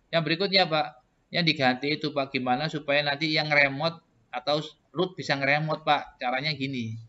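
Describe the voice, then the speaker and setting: Male computer-lab instructor, patient and step-by-step, bright and slightly high voice, dull lo-fi classroom sound. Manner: patient, step-by-step, repeats "Pak" often. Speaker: computer networking teacher. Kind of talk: classroom tutorial with student questions. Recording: muffled lo-fi classroom recording.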